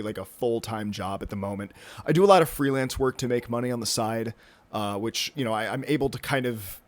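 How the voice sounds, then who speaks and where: Indoors, with thunder building outside, a twenty-something podcast host talks on his own at a medium pitch. His delivery is loose and rambling: frequent fillers, self-interruptions and restarts, occasional swearing, and plenty of "dude" and "bro."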